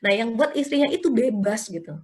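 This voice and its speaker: A woman's voice: fairly high pitch, expressive, fairly quick, a little mellow. A woman teaching an Islamic study session in a chatty storytelling way, often acting out short quotes and adding tag fillers. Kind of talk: conversational religious study talk.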